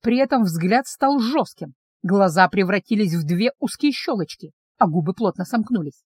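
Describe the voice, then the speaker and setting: A woman's voice: medium pitch, animated, moderate pace, darkish tone, husky, no room sound. A woman narrating a novel in the first person as an audiobook reader, in an intimate, tense storytelling manner, close to the microphone.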